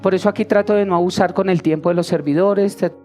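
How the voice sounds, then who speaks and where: A man in his forties preaching a sermon, telling a personal story with lively acted-out dialogue. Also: high-pitched, fast talker. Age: 40s. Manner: animated storytelling, acting out quoted voices. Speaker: pastor. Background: faint instrumental music.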